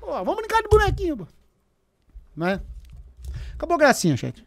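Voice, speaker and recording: A man's voice: very high voice, huge pitch swings, normal speed, gravelly. A man, giving sarcastic, teasing live commentary as he reacts to a debate for his chat. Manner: sarcastic, teasing, swings from loud to muttered.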